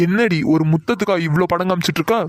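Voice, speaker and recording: A man's voice: high voice, very fast, dry recording, studio quality, natural voice. A man voicing a young male college bully in a cartoon drama, taunting and coaxing a girl, then whining and begging when he is caught.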